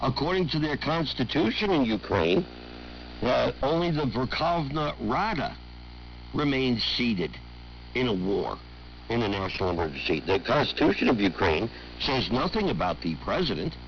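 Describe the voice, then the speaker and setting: A man hosts a live call-in talk radio show with a smooth radio host delivery, his medium voice rising and falling with lively swings. He is assertive and pushes back on callers. The sound is dull and lo-fi, with a faint hiss underneath. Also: mid-range voice, moderate pace. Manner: assertive, argues over callers.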